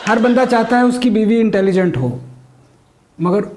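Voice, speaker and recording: A man's voice: high-pitched, moderate pace, darkish tone, some chatter behind. A man, performing a stand-up comedy monologue, delivering his jokes dryly to a laughing audience. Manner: dry joke delivery with an audience laughing along. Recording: noisy recording.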